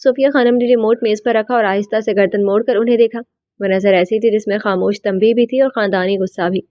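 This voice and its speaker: A woman reads a novel aloud with an even, steady storytelling manner. Her tone is mellow and warm, and the recording is close and dry with a slightly dull sound. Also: medium pitch, dry recording. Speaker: audiobook narrator. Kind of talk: scripted novel narration.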